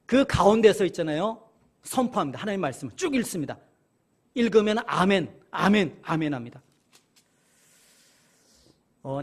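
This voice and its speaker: A man teaching a Bible study sermon. He keeps asking his listeners questions and answering them, and he reads scripture passages slowly and more loudly. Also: high voice. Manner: addresses listeners often, asks and answers questions.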